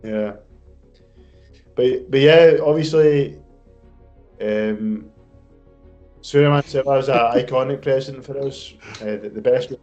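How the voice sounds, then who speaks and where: A man's voice: mid-range voice, unhurried, pauses often, a little mellow, faint music behind. A man co-hosting a football podcast, speaking hesitantly with stumbles and uhs. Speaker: podcast co-host. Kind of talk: casual podcast chat. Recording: dull lo-fi mic.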